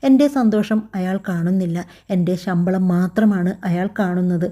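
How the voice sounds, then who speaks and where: A woman voicing a hurt young wife in a storybook, pleading softly in a wounded tone. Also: on the low side, normal speed, natural voice.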